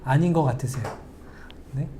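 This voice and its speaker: Speaking in a mellow mid-range voice, the middle-aged pastor gives his sermon in a church sanctuary in a conversational style. He questions the congregation and drops to a near whisper to stress points, against slight background noise.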